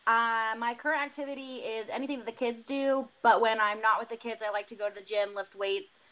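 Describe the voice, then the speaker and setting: A woman in her twenties, a behavior technician, introduces herself briskly to a graduate class. Her voice is fairly high, bright and forceful. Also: steady tone, low-quality recording. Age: 20s. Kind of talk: class presentation.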